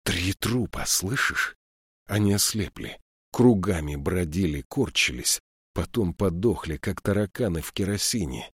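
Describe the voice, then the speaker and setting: A man voicing a tense police officer who speaks in a hoarse, commanding, menacing way. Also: low voice, lively intonation, unhurried, dry recording, clean studio sound, full character voice. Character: tense, hard-edged postwar police officer.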